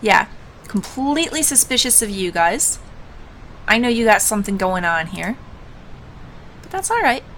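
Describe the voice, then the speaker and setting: Woman, gaming host, informal commentary, thinking aloud, medium pitch, noticeable background noise. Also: very animated, normal speed, long pauses, fairly bright tone. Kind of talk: casual let's play commentary and narration.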